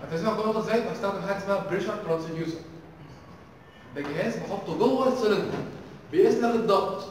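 A young man with an Egyptian accent races through an engineering tutorial at breakneck speed, his voice sitting fairly high. He keeps quizzing the class as he explains. He is picked up from far off in a big lecture hall, with a long, echoing reverb and faint room hum behind him. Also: rapid-fire. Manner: quizzes the class with constant questions. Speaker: engineering teaching assistant. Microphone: distant room mic. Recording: echoey hall recorded from far off.

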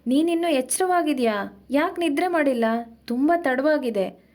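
A woman voicing a tired young man who speaks softly and apologetically to his fiancée in an audio story. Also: high-pitched, lively intonation, normal speed. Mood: concerned. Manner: defensive, then softly apologetic.

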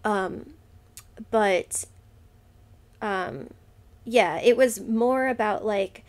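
A woman's voice: mid-range voice, extremely slow. Breezy chatty woman podcast host. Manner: rambling, filler-heavy, breezy. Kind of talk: casual chat.

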